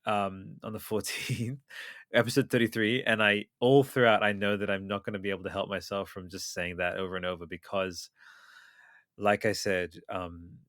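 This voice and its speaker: A man's voice: lowish voice, fairly even intonation, normal speed, a bit bright, dry recording, studio quality. A man in his thirties hosting a podcast, chatting eagerly and rambling with lots of fillers. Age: 30s. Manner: enthusiastic, rambling with many fillers. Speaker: podcast host. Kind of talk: casual chat.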